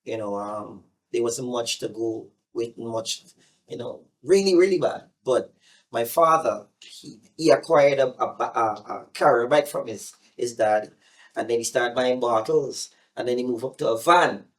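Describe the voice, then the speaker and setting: A middle-aged man with a Guyanese accent, a singer talking about his life in a relaxed, rambling way, full of fillers and restarts. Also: mid-range voice, unhurried. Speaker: singer being interviewed. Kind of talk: casual interview storytelling.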